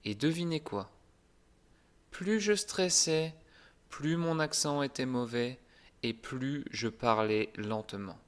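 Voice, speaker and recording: A man teaching a language lesson in a calm, deliberate, clearly articulated way. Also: mid-range voice. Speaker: French teacher.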